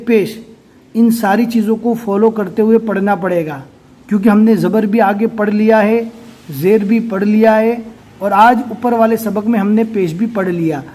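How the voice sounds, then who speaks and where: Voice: medium pitch, warm tone. A Quran reading teacher giving a recorded step-by-step lesson, who explains patiently and then sounds out syllables one at a time.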